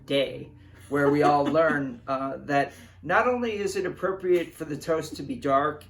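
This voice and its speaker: A man's voice: on the high side, a little slow, over music. A man appearing as a guest on a casual cooking show, talking about toast in a dry, mock-serious way. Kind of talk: casual chat.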